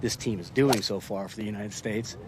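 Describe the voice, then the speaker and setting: A man's voice: fairly low pitch, brisk. A man working as a golf commentator, describing shots live in short, clipped observations. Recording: very noisy outdoor broadcast ambience. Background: loud outdoor course noise.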